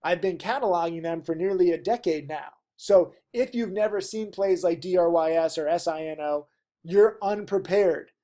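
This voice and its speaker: Losing his voice and sounding stuffy, a male trading teacher addresses his students straight to camera, urging and begging them to study. His voice is a little high and warm, at a normal speed.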